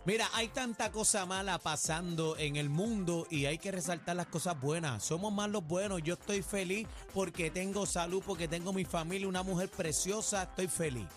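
A man's voice: high-pitched, normal speed, hardly any pauses, faint music behind. A man with a Puerto Rican accent co-hosting a radio show, joking and exclamatory. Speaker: radio co-host. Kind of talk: lively radio chat.

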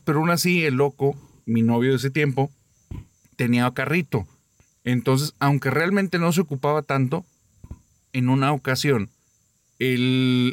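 A man retells a spooky story in a casual, lively podcast manner, in a middle-range voice. His tone is relaxed and conversational. The recording is dry and close, with no echo. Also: medium pitch. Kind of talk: retelling a listener's ghost story.

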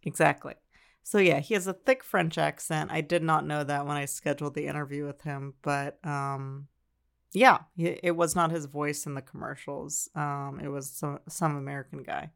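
Dry, creaky podcast co-host. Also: medium pitch, fairly even intonation, normal speed, a bit bright. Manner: dry, matter-of-fact, explains ads. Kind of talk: casual chat.

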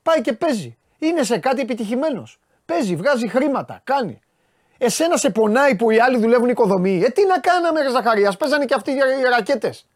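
A man's voice: very high-pitched, lively intonation, dry recording, studio quality. A man with a Greek accent hosting a sports talk show, casually and exasperatedly scolding his viewers with rhetorical questions. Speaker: sports commentator host.

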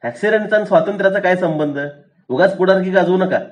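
A man's voice: on the high side, fairly even intonation, brisk, a little mellow, pitched above the performer's own voice, lightly acted. A man doing a wry lazy constable. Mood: bossy. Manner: offhand, bossy, wry. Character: lazy, shrewd small-town police constable, adult man.

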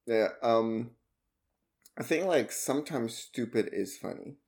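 A man co-hosting a casual movie-review podcast, halting and restarting his sentences. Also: medium pitch, expressive, creaky, darkish tone. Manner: halting, restarts phrases often. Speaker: podcast co-host.

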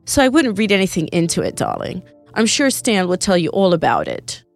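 A warm, calm woman talks in gentle, reassuring tones, her voice lifted above the narrator's usual pitch, as a woman reads her lines in a story. Soft light music sits faintly in the background. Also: moderate pace. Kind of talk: storybook character reading.

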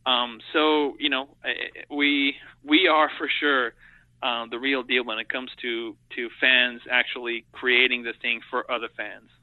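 A middle-aged man, a native French speaker from Europe and Africa, guests in a casual interview as an animation editor. His mid-range voice has little pitch movement and a measured pace, heard on a dry, phone-quality line. He's earnest and reflective, thinking aloud in long sentences.

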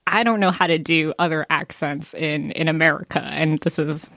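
Chatty woman podcast co-host, low-ish voice. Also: fairly even intonation, moderate pace, a bit bright, dry recording, clean studio sound. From Atlanta, Georgia, US. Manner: chatty, laughs often, trails off with "like". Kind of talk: casual chat.

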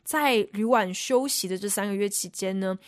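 A woman's voice: medium pitch, normal speed, dry recording. Chatty woman radio host, dry sound. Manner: chatty, explanatory. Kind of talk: radio lesson on English phrases and film.

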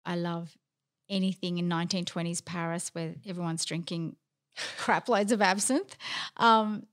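A woman from Australia, a lawyer, chatting openly and lively as a podcast guest. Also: on the low side, normal speed. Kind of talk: casual interview chat.

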